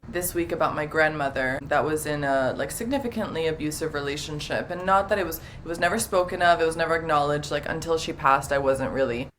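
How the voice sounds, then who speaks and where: A young relationship coach in her twenties, half Dominican and half Italian and partly raised in the US, talks as an interview guest in a low voice. She is warm, open and chatty, speaking a little fast with hardly any pauses and plenty of "like" fillers. Slight background noise can be heard.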